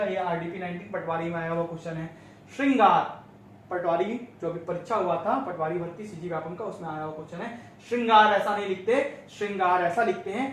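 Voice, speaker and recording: A man teaching an exam-prep grammar lesson, slowly repeating correct and incorrect forms to drill them in. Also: high-pitched, fairly bright tone, slight background noise. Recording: very echoey room, mic at a distance.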